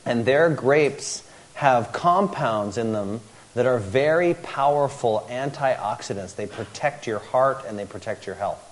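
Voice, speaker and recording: Male speaker, lecture delivered in short bursts for an interpreter, middle-pitched voice. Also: lively intonation. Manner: pauses after each sentence for translation. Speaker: speaker giving a talk on longevity.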